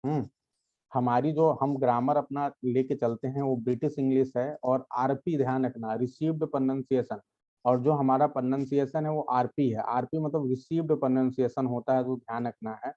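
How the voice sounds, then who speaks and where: With a mid-range, mellow voice and fairly even intonation, a man gives an explanatory grammar lecture at a moderate pace. He talks to his students directly, patiently checking that they follow. The audio sounds dull.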